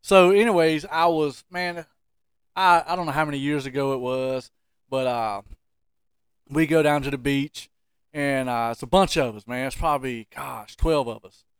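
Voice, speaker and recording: A podcast co-host tells comic stories casually, using folksy, colloquial language and repeating phrases for emphasis. His medium-pitched voice is smooth and fairly even, at normal speed. The recording is dry and studio quality.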